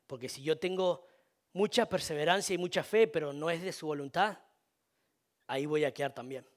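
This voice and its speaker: A man's voice: fairly high pitch, normal speed. A man preaching a sermon, repeating himself, restarting often and calling for amens. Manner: repetitive, many restarts, calls for amen.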